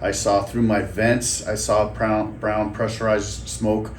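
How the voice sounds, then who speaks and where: A male fire commander gives a methodical account of an incident. His voice sits a little low. The room echoes noticeably, with faint noise. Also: little pitch movement, slow pace. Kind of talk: recounting an incident response.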